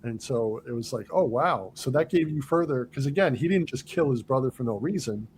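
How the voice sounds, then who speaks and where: A podcast host with a medium-pitched voice talks fairly quickly as he casually walks through a film. He gives an animated retelling, acting out and quoting the movie's lines. There's slight background noise.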